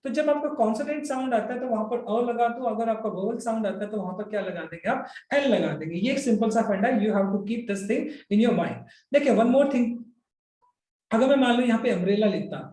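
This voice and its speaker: A man's voice: sits high, normal speed, mellow, roomy sound. A man with an Indian accent teaching English grammar to students, mixing Hindi and English and checking often with "right?". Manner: addresses students directly, checks understanding with frequent "right?". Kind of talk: explanatory classroom lecture.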